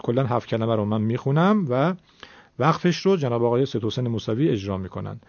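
A man's voice: medium pitch, lively intonation, a little mellow, dry recording. A man teaching a recitation lesson, explaining the rules patiently and repeating words so learners can follow. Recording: dull lo-fi sound.

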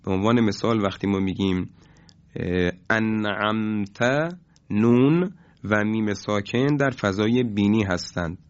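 A man teaching a recorded lesson on Quran recitation, explaining in a measured way with hesitant fillers. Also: lowish voice, a little mellow. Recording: dull lo-fi recording.

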